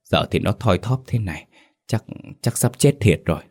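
A man's voice: lowish voice, animated, normal speed, gravelly, darkish tone. A man voicing a nervous old male fish farmer who stammers and pleads in a ghost story. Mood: uneasy.

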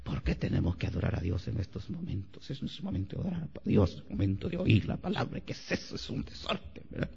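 A man preaching a Sunday sermon as pastor, animated and climbing to loud exclamations. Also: lowish voice, fast, vocal fry, hardly any pauses, husky. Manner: animated preaching, rising to shouts. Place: church sanctuary. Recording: lo-fi church recording with long reverb.

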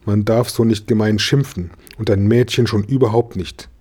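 A man's voice: lowish voice, steady tone, moderate pace, darkish tone, slightly rough. A man reading a storybook and voicing a smug, dismissive older boy. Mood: scolding. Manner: scornful, dismissive.

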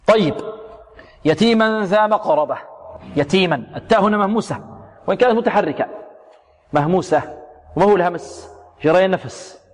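A man teaching tajweed, repeating words slowly, drilling single sounds, asking and answering his own questions. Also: a little high. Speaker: Quran recitation teacher. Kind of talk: tajweed lesson on pronunciation. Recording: long hall reverb.

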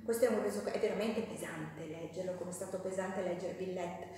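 A woman with a low-leaning, dark, steady voice teaches a women's class live, moving at a brisk clip. She speaks informally with fillers and self-corrections while reading aloud from a novel, and the echoey hall makes her sound far away.

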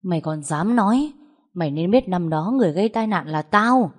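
A woman's voice: on the low side, expressive, moderate pace. A woman playing a furious domineering old father. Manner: shouting, scolding.

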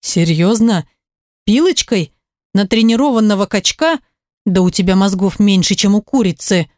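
A woman's voice: medium pitch, animated, normal speed, darkish tone, no echo, clean studio sound, lightly acted. Woman voicing an angry scolding man, audiobook. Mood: furious. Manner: raging, scolding. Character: furious protective man, blunt and loud. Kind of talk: audiobook character reading.

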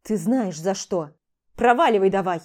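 An enraged, bitter young man barks out every line in an audiobook, rude and harsh, on the edge of shouting, as a woman reader puts him on. The tone stays dark and mellow despite the anger. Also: medium pitch, moderate pace, close to an everyday voice. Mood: angry, shouting.

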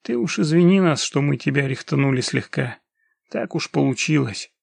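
A man voicing a stern male army scout commander who barks orders, with a gravelly, husky voice. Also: on the high side, lively intonation, normal speed, no echo, exaggerated voice. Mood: commanding. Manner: barking commands.

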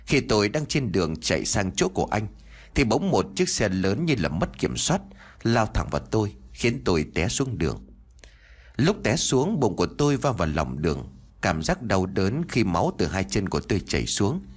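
A man's voice: lowish voice, breathy edge. A man reading a first-person ghost story in a dramatic, emotive way.

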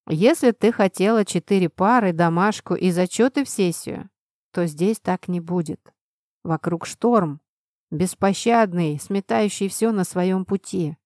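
A woman reading an audiobook, voicing a self-assured young male student leader who lectures calmly and commandingly. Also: medium pitch, dry recording, clean studio sound, natural voice. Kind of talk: audiobook narration.

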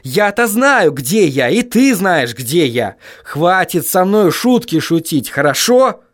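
A man voicing an exasperated young man yelling down the phone in an audiobook reading. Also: sits high, very animated, slow, dry recording, clean studio sound, pitched above the performer's own voice, heavily acted.

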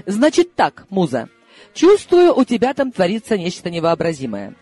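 A man reading an audiobook and voicing a sharp, sarcastic elderly grandmother who orders her granddaughter about. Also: high voice, huge pitch swings, normal speed, soft background music, full character voice. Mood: bossy, teasing. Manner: bossy, teasing.

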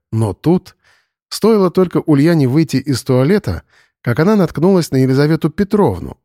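A man reading a story aloud as narrator, calm and measured. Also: medium pitch, no room sound, studio quality. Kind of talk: audiobook narration.

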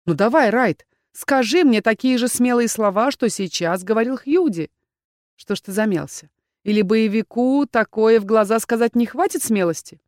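A woman voicing a haughty young dark elf warrior, low and quiet, in an audiobook. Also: moderate pace, no echo, studio quality, close to an everyday voice. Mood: cold threatening. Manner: cold and firm, then soft and gallant. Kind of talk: audiobook narration.

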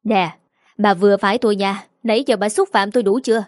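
A woman's voice: mid-range voice, steady tone, brisk, dry recording, studio quality, natural voice. A woman voicing a rude young daughter-in-law, answering curtly and talking back. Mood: defiant.

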